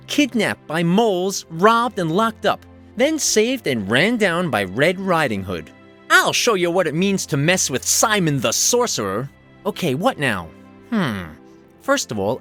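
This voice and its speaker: A cocky young wizard from a comic adventure game. He grumbles sarcastically in a flippant, very animated voice over faint music. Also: sits high, heavily acted. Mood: bitter, determined.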